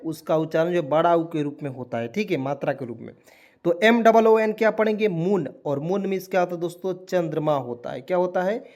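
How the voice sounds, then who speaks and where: An English teacher with a high, darkish voice gives a spoken lesson. He spells words out letter by letter and repeatedly asks viewers questions.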